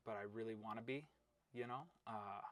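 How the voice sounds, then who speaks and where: In a casual interview with a little hiss or hum in the background, a middle-aged wrestling coach with a lowish voice talks a little fast. He tells stories animatedly, acting out quotes and peppering his speech with "bro" and "right?".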